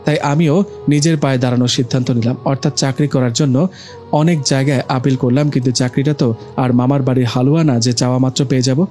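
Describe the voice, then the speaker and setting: Calm male storyteller over soft music. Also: medium pitch, quick pace. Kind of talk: scripted story narration. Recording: narration over faint music.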